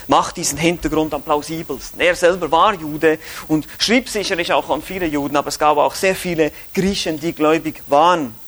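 A man preaching a Bible teaching with a Swiss German accent, speaking emphatically with rising stresses and low drops. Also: a bit bright. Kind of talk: sermon-style Bible teaching.

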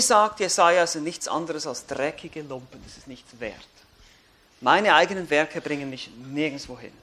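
Emphatic high-voiced preacher man. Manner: emphatic, swings from loud declarations to quiet earnest appeals. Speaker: pastor. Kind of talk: sermon. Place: church.

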